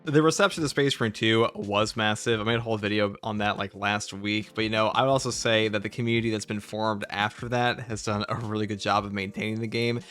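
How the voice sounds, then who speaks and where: This male video game channel host has a steady, slightly bright voice on the lower side, and he moves a little fast with hardly any pauses. He runs a casual, opinionated gaming commentary chat while background music plays.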